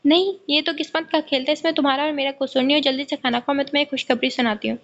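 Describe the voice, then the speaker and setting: A caring young bride, soft-spoken and kind, as a woman narrator reads her in a high voice. She talks with gentle warmth, and the audio novel sounds dull and lo-fi. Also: fairly even intonation, racing.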